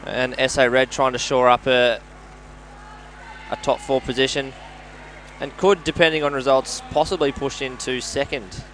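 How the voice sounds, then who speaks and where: An Australian man commentating on a live match, analysing play in a measured way like a coach. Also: medium pitch, fairly even intonation, a bit bright, faint music behind. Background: indoor sports venue with games nearby.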